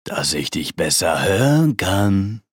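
Sly storybook wolf, very deep and husky, lively sinister swoops, read by a woman. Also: no echo, studio quality, full character voice. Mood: menacing. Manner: slow, coaxing and sinister. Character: sly hungry male wolf, scheming.

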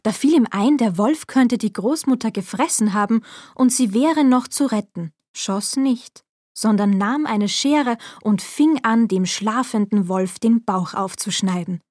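Calm female storyteller, measured fairy-tale narration, dry read. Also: a little high, no echo.

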